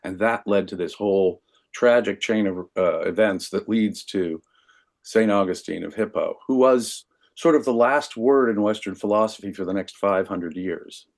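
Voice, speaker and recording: Male podcast guest, low register, lecturing style with dry humor. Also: moderate pace, creaky. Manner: lecturing, wry asides to listeners. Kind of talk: explaining philosophy history in podcast conversation.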